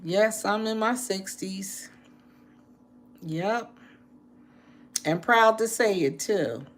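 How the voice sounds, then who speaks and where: A woman in her late sixties speaks to her live-stream viewers in a slow, unhurried way. She sounds heartfelt and a little preachy, and she circles back to the same phrases to press her point home. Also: mid-range voice. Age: 60s. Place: indoors, apartment.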